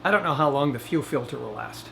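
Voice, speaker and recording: Loud music plays behind a mid-range male voice that moves quickly, with some vocal fry. He's a DIY channel host giving casual, chatty narration full of folksy charm and wry asides.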